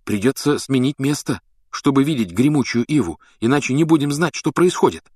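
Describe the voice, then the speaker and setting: A man voicing a tense teenage boy who talks in a low, urgent tone, in a storybook reading. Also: animated, a little fast, darkish tone, breathy edge, no room sound, studio quality.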